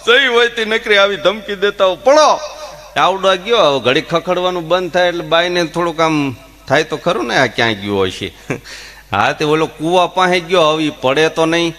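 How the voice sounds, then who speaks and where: A man's voice: a little high, moderate pace. A man telling folk comedy stories, acting out voices and stammers. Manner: animated, acts out voices and stammers in jokes. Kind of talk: Gujarati folk comedy storytelling.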